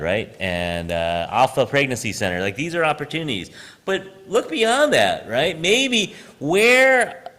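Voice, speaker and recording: A man's voice: medium pitch, a bit bright, long reverb tail. A man preaching a sermon in a church, conversational and self-deprecating, tagging lines with "right?" and laughing at himself. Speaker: preacher and high school teacher. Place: church sanctuary.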